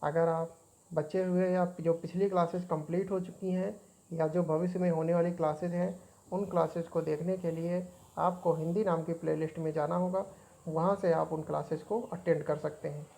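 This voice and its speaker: A woman's voice: lowish voice, steady tone, normal speed, creaky, warm tone, poor audio. A woman teaching an exam-prep grammar lesson, going through words one by one and saying which spelling is right and which is wrong. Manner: methodical, repeating each word as right or wrong.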